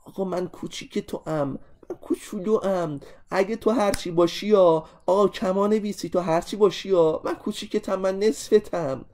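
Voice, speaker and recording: A man's voice: sits high, fairly even intonation, a little mellow, voice pushed up, lightly acted. A man voicing a meek little talking angle. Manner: childlike, self-effacing. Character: small meek inscribed angle pleading with its arc.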